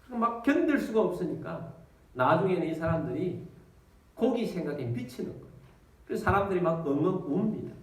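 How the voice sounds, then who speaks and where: A man's voice: high voice, brisk. A male pastor preaching a storytelling sermon to his congregation, calling out to them as he tells the story. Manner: storytelling, animated, addresses congregation. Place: church with congregation. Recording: echoey church from a distance.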